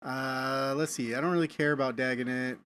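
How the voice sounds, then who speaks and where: A man's voice: medium pitch, steady tone, brisk, fairly bright tone, clean tone. A man live-streaming a game, chatting casually with viewers and often repeating words as he thinks aloud. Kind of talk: casual live-stream chat while gaming.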